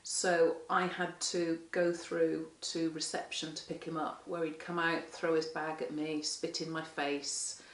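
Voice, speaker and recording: A hoarse woman, a parent carer speaking frankly in an interview and acting out what others say. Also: deep voice, flat delivery, measured pace, hardly any pauses, slight background noise. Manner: frank, candid storytelling that acts out quoted speech. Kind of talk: interview testimony. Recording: echoey room, mic far off.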